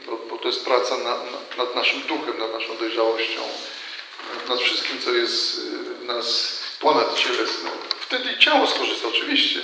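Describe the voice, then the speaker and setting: A man's voice: medium pitch, expressive, moderate pace, far from the mic. A man, a priest, giving an earnest retreat talk, telling a story with frequent restarts and repeated words. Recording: very echoey hall, faint noise.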